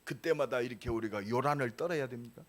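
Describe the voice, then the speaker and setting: A pastor in his sixties preaching a sermon, emphatic with sudden loud rises and casual storytelling asides. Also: medium pitch, fast talker. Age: 60s.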